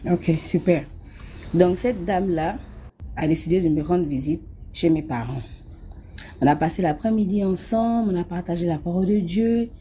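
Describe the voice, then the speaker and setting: Woman from Nigeria, casual testimony, mellow voice, faint background noise. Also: on the low side, normal speed. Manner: lively, acts out scenes, often addresses the listener. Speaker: storyteller.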